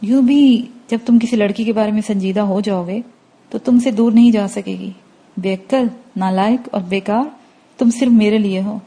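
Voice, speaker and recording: Woman reading a bratty young student girl, mocky and sharp, mellow low-bright tone. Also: slightly rough. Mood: teasing. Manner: sharp-tongued, mocking.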